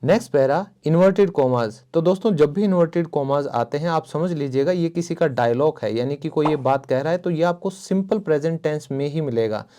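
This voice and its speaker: A man's voice: on the high side, warm tone. Indian man teaching a reading lesson. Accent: Indian English. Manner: reads English word by word at a slow pace, then explains briskly. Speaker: English teacher. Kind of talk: bilingual reading lesson, reads English slowly and explains in Hindi.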